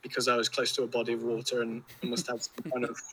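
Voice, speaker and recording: A man's voice: mid-range voice, monotone, fast talker, fairly bright tone, rough recording. A man with an English accent chatting casually and telling rambling anecdotes with British slang.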